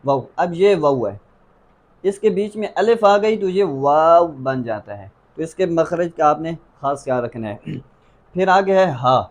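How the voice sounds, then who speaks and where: A patient Quran recitation teacher from Pakistan gives a tajweed pronunciation lesson, drilling Arabic letters by repeating them slowly. His voice is slightly high.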